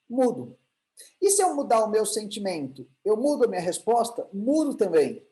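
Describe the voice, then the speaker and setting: A man's voice: high-pitched, mellow, rough recording. A man with a Brazilian Portuguese accent giving an online lecture, asking rhetorical questions and answering them himself, with frequent restarts. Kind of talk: online lecture on emotional intelligence.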